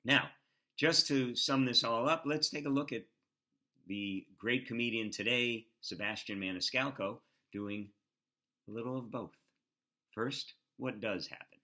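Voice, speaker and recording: A man hosting, explaining comedy clips in a relaxed, explanatory way with hesitant fillers. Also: mid-range voice, unhurried. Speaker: host.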